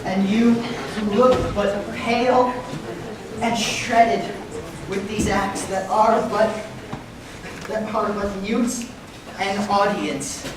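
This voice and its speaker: Give the stage drama's student-acted dying young prince a slow, halting Shakespearean delivery. He is far from the microphone in a very echoey hall. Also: mid-range voice, lightly acted. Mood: weak, dying. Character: Prince Hamlet, vengeful young prince dying of poison. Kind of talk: amateur stage Shakespeare acting. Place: school theater stage, recorded from audience. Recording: distant, echoey hall recording, clear noise.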